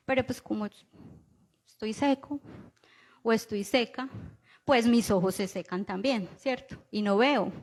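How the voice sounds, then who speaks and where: A woman with a Colombian accent preaching a sermon in a conversational way, often checking in with the listeners through quick rhetorical questions. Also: a little high. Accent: Colombian Spanish. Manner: conversational preaching, frequent rhetorical "¿cierto?" tags.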